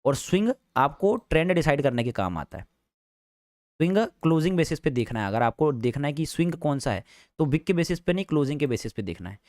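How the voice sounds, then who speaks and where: A man's voice: a little high, big pitch swings, brisk, a little mellow, no room sound, studio quality. A man teaching a live trading class in a chatty, teasing way, repeating each point. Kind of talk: casual live class lecture.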